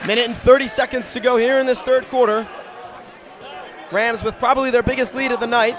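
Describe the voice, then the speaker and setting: A man calling live basketball play-by-play in a crowded school gym, with rapid, clipped calls shouted over the crowd. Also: very high voice, steady tone. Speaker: play-by-play announcer. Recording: loud gym crowd and noise.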